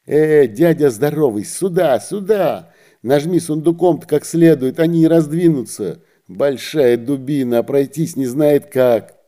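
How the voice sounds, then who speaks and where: Male reader as a brusque, pushy soldier, loud orders, very dark voice. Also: a little high, measured pace, pitched above the performer's own voice, natural voice. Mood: bossy shouting.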